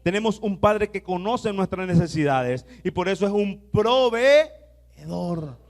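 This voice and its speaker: A man with a very high voice preaches a sermon as pastor. He leads his congregation in call-and-response, has them repeat phrases aloud, and moves between quiet asides and loud proclamations. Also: lively intonation, unhurried. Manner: shifts between soft asides and loud declarations.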